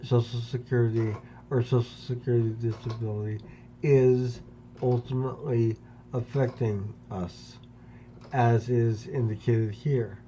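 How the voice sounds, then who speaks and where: A man in his fifties from Pennsylvania, speaking a slow, deliberate personal monologue with long pauses. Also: medium pitch, fairly even intonation, mellow, highs cut off, a little hiss or hum. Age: 50s. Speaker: vlogger.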